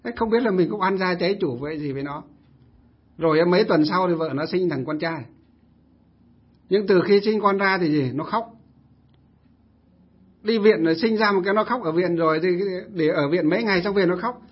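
A man with a husky, breathy voice pitched a touch high tells a temple story in a relaxed, conversational way. He is a Buddhist monk, and he slips into the voices of the people he quotes. The recording sounds dull and lo-fi. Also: normal speed, long pauses. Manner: lively anecdotal storytelling, quoting others. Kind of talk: casual storytelling talk.

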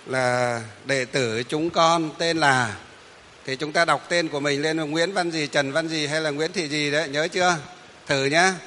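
A man's voice: fairly high pitch, steady tone, normal speed, sharp tone, in a large hall, a little hiss or hum. A man, a Buddhist monk guiding a congregation through a refuge ceremony, speaking patiently with frequent hesitant fillers and repetition. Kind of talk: instructing a kneeling congregation.

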